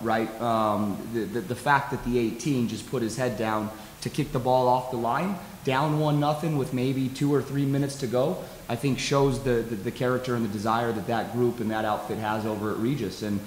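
At a press conference table with a backdrop, a middle-aged American college soccer head coach answers post-game interview questions into a table stand microphone. He speaks at an average pitch, halting and repeating words as he reasons. The hall is echoey, with some hiss behind his voice.

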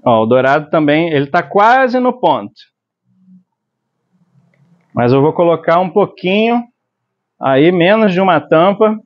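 Unhurried and with long pauses, a Brazilian man in his forties uses a fairly high, lively voice to walk viewers through screen printing in his workshop as he mixes inks. He explains and checks in with tag questions such as "tá?", and his lapel mic gives a slightly dull, lo-fi sound.

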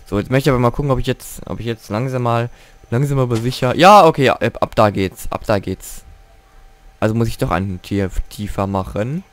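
A man talking his way through a video game at home in casual commentary. He is excitable, grumbles and swears when things go wrong, and chats to his viewers in between, his pitch sitting mid-range. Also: a little fast. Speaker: let's play gamer.

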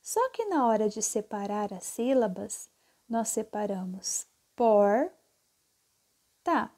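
Slow, patient woman teacher. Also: medium pitch, animated, a little mellow. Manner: slow, patient, repeats steps with "tá?". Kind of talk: classroom lesson explaining exercises.

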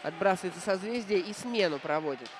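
High-voiced man giving reflective hockey commentary. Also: animated, brisk, background noise. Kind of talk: live play-by-play commentary with analysis.

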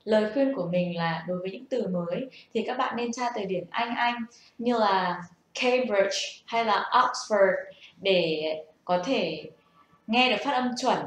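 A young woman, a self-taught English learner sharing tips, gives a casual, patient spoken lesson in a mid-range voice, speaking a little slowly. She poses rhetorical questions to the listener, and the room is echoey.

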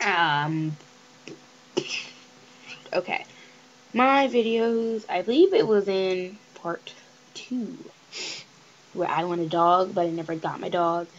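A young woman giving chatty, excitable commentary over a life-sim game she is playing. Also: fairly low pitch, slow, pauses often, muffled recording. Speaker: let's play gamer.

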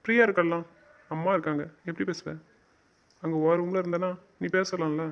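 A man's voice: high voice, fairly even intonation, brisk, a bit bright. A man in a romantic audio drama, scolding and teasing his partner in a bossy way. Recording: dull lo-fi recording.

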